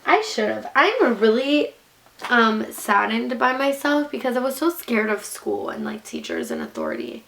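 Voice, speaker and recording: A woman's voice: on the high side, gravelly, noisy background. A young woman vlogger chatting casually to camera in a giggly, tipsy ramble, blunt and full of swearing and slang. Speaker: beauty vlogger.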